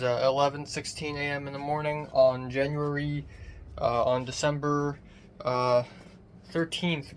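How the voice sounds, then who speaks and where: A young man rambling through a casual personal vlog, swearing casually, his voice thin with no bass on a phone microphone. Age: young adult. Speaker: vlogger. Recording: thin bassless phone mic, background noise.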